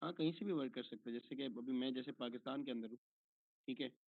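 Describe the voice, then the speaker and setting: A man explaining things to a student over a call, stopping after each point to make sure he is followed. His voice comes through a tinny, narrow phone-like line with no room sound around it. He speaks at a middle pitch. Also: quick pace, creaky, no room sound. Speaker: online course instructor. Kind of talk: answering a student's questions on a call.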